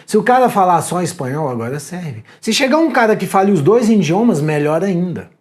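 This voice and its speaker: A Brazilian man gives an energetic video lecture, and his pitch swings widely from phrase to phrase. He talks straight to the viewer in an animated, slangy way, like a teacher keeping a class awake. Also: fairly quick. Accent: Brazilian Portuguese. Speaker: exam prep teacher.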